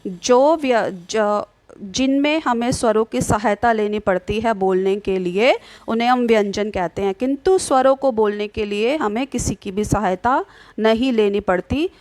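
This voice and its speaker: A woman teaches grammar in a slightly high voice, recorded close with no room sound. She poses questions and answers them herself, checking in often with the class. When she demonstrates vowel sounds, she draws them out slowly. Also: a little mellow, no room sound. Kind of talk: explaining a grammar lesson.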